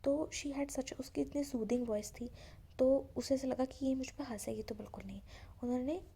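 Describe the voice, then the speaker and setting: A woman teacher walks through a story line by line in a relaxed, chatty explaining tone, often slipping into half-whispers. Her voice is husky and gravelly, and sits a little high. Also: normal speed. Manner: relaxed, retells each line and explains it, often says "you know". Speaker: English teacher.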